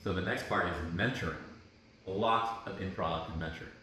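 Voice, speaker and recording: A man co-hosting a podcast, chatting casually and animatedly, often laughing and jumping up in pitch when excited. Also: fairly quick. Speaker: podcast co-host. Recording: echoey room with faint noise.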